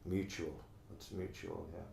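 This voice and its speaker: Middle-aged Donegal Irish man, low voice, earnest interviewee in an echoey room with faint hum. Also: flat delivery, measured pace, creaky, mellow. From Ireland. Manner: talkative, restarts sentences, earnest. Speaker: oral history interviewee. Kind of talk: recorded oral history interview.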